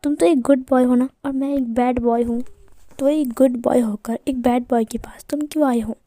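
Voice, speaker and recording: A woman's voice: sits high, steady tone, moderate pace, dark tone, dry recording, lightly acted. A woman voicing a petulant, mischievous young man who pouts and accuses, in a read-aloud story. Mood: sulky. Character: sulky mischievous young man, hot-tempered.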